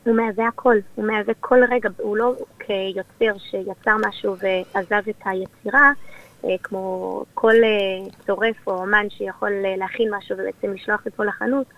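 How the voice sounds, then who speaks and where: A woman with an Israeli accent speaks as a guest on the radio, explaining things conversationally. Her voice sits at a middling pitch for a woman. The recording is slightly dull and lo-fi. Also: flat delivery. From born in Australia, raised there and in Israel. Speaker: rabbi's wife and community leader, interview guest.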